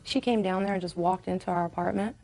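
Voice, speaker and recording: A woman's voice: fairly low pitch, fast, creaky, warm tone, slight background noise. A woman litigant arguing her case before a TV judge. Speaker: litigant in TV court.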